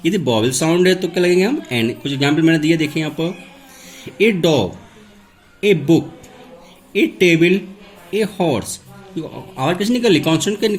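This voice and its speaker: A man teaching English grammar in a classroom lesson. He asks questions and answers them himself, and says key words over slowly. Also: a little high. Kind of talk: classroom lesson, step-by-step explanation.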